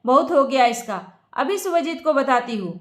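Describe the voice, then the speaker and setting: A woman voicing an angry, sharp-tongued young wife who shouts accusations. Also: high voice, animated, normal speed, roomy sound.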